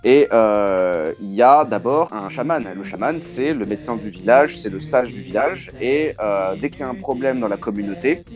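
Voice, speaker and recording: A man in a casual group discussion, explaining at length with deliberate pauses and restarts. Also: on the low side, animated, soft background music.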